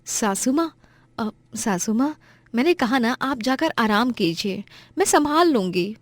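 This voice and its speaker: A woman's voice: fairly high pitch, lively intonation, unhurried, no room sound. Woman voicing a defiant young daughter-in-law. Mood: caring. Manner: scolding, indignant.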